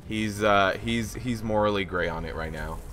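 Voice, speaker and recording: A man's voice: on the low side, normal speed, a bit bright. A man casually commentating his live game stream, laughing and thanking chat as he plays. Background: game music.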